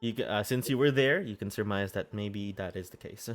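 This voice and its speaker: A man working as game master, casually narrating a tabletop role-playing game in halting, improvised phrases. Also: on the low side. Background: background music.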